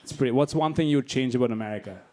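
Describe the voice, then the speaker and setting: Speaking very fast in a mid-range voice, a young Bangladeshi man performs stand-up at a club, bantering crassly and brashly with the audience. Roaring crowd laughter fills the background.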